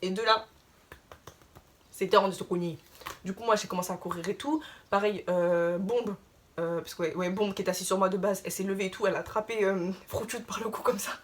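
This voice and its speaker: A young woman tells a story straight to her viewers in a casual, animated way. She talks very fast and keeps tossing in filler tags. Her voice sits at an ordinary middle pitch. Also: slight background noise. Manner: chatty, animated retelling full of filler tags. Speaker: vlogger.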